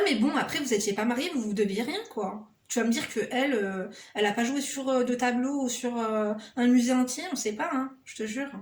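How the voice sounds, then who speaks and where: A woman's voice: high voice, roomy sound. A woman vlogger giving relationship advice, reading out a viewer's story and cutting in with sassy, sarcastic, teasing asides.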